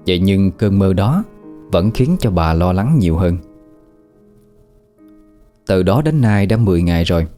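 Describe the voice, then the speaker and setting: Deep-voiced male storyteller, dark tone, steady scripted ghost story narration. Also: a little slow, long pauses. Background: faint background music.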